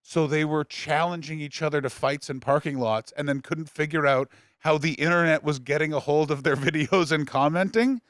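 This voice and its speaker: A man on a podcast, chatting casually and telling stories in an animated, profane way. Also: on the high side, normal speed, no echo, clean studio sound. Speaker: podcast co-host. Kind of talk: casual chat.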